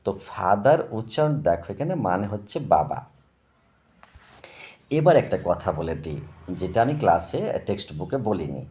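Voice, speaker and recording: A man's voice: deep voice, very animated, normal speed, long pauses, darkish tone. A man tutoring young pupils in English words, explaining patiently and checking they follow. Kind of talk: recorded English vocabulary lesson for young pupils.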